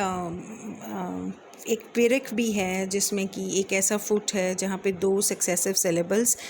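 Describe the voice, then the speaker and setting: A woman's voice: medium pitch, slight background noise. Woman teacher explaining poetry terms. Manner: explains step by step, mixing English terms, frequent fillers; reads verse lines slowly. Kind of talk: Hindi lecture on English poetry.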